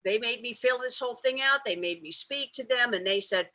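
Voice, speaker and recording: A woman's voice: on the high side, fairly quick, sharp tone. A woman in her sixties, telling a story on a political panel. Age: 60s.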